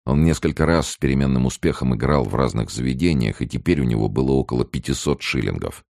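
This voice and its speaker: A male audiobook narrator with a remarkably deep voice and a gravelly texture. His reading is measured and serious, recorded close and dry with no room sound. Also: a little mellow, no echo. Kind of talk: scripted narration.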